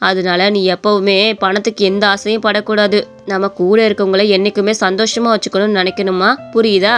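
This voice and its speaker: A woman voicing a kind elderly mother-in-law who speaks calmly and soothingly. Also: medium pitch, brisk, soft background music, pitched below the performer's own voice, lightly acted. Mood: tender advice. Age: older. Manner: calm, soothing and advising.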